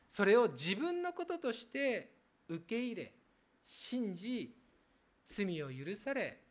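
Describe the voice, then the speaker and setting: A pastor preaching an earnest sermon with a lively, animated voice that swings up and down for emphasis. The delivery sits at a middle pitch and turns gentle and plain when addressing the children. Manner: lively rises and falls for emphasis.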